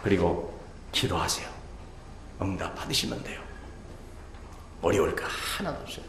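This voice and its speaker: A man preaching a sermon as pastor, swinging between loud exclamations and hushed asides, often asking the congregation questions. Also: deep voice, expressive, moderate pace, gravelly, reverberant, a little hiss or hum. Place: church sanctuary.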